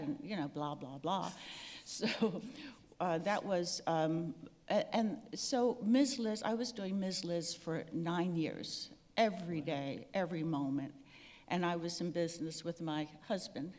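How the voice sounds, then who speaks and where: A woman's voice: lowish voice, darkish tone. An older woman telling stories on a panel in a wry, self-deprecating way, with many fillers and restarts. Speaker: panel speaker. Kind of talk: storytelling on a panel. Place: event hall. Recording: echoey hall with long reverb.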